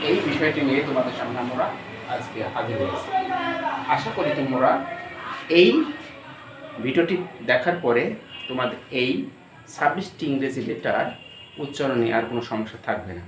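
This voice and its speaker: A man's voice: mid-range voice, noisy background. A man with a Bangladeshi accent teaching students as an English teacher, drilling each letter over and over and asking the class questions. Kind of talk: classroom-style lesson addressed to students. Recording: roomy echo, distant from the mic, faint ambience.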